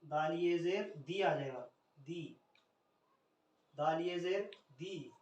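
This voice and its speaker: A man's voice: on the high side, drawn-out words, darkish tone, distant mic, lo-fi sound. A man teaching an Urdu poetry scansion lesson, spelling out letters one by one in an Indian Urdu accent. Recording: roomy echo, speaker off the mic.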